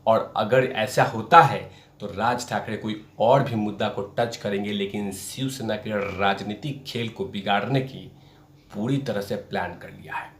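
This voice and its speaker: The political commentary host, a man with a lowish voice, speaks a little slowly but with emphasis, repeating lines for effect. The room sounds spacious and echoing.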